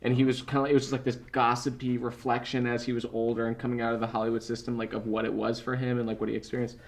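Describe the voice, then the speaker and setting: A man with a gravelly, mid-pitched voice, co-hosting a studio podcast. He rambles through his points in loose, casual chat and swears without a second thought. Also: flat delivery, fast.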